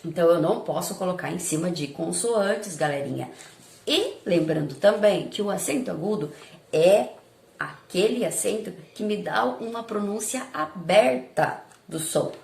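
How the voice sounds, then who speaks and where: A Brazilian woman teacher records a review lesson, explaining each point patiently and checking in with her pupils. Her voice has a gravelly fry. The room around her sounds echoey. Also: mid-range voice. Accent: Brazilian Portuguese. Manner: patient, explaining step by step with frequent check-ins.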